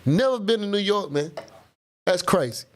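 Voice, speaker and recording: A man's voice: sits high, expressive, normal speed. Laid-back man chatting on a livestream. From Florida, US. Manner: laid-back, slangy, reads out chat comments. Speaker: livestream host. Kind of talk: casual live stream chat with viewers.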